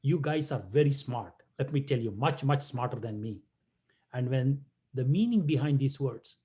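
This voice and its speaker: A man's voice: a little high, mellow. A man giving a playful talk to children over a video call, teasing and chanting verses. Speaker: guest speaker.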